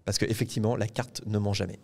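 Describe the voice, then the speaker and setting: A podcast host with a lowish, gravelly voice talks fast in a flat delivery, retelling a book chapter at length with frequent hesitations. The episode is recorded live at a public event, a casual book discussion in front of an audience.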